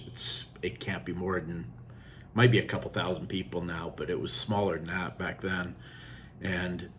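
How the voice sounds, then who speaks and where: A Norwegian-accented man in his sixties tells old stories in a rambling, unhurried way, with fillers. His voice sits fairly low, and a faint background noise runs underneath. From Norway. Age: 60s. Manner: rambling, warm storytelling with fillers and switches into Norwegian. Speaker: vlogger. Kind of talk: casual reminiscing monologue.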